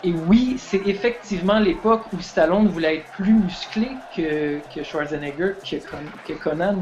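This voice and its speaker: A man's voice: high-pitched, moderate pace, a little mellow, muffled recording, slight background noise. A man, a guest film expert chatting casually and enthusiastically on a stream.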